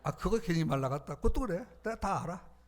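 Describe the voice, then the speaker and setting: A man preaching a sermon as pastor, animated, shifting between loud calls and hushed asides. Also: high voice, fast.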